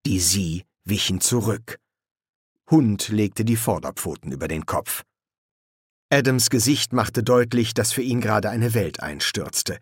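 Male narrator, slow and lively in pitch, dry close recording. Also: husky, no room sound. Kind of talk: audiobook reading.

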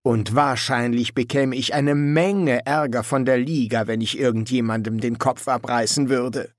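A man voicing a polite, patient male vampire recruit who answers calmly and courteously, in an audiobook. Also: mid-range voice, normal speed, dry recording, clean studio sound, natural voice.

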